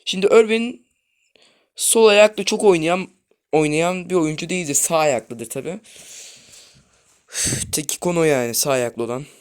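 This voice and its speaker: A man hosting a gaming video, giving live commentary that jumps from loud outbursts to quiet muttering while talking straight to his viewers as friends. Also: fairly high pitch, measured pace, long pauses, smooth.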